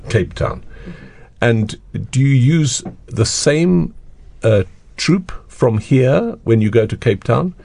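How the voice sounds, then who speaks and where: A man hosting a radio interview, asking his guests questions in a relaxed, conversational way. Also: medium pitch, takes it slowly, vocal fry. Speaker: radio show host.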